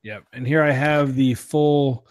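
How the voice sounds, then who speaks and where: In a studio-quality recording with no room sound, a young podcast co-host reviews beers in casual, joking banter. His medium-pitched voice is fairly even in intonation and unhurried, and he often pokes fun at himself.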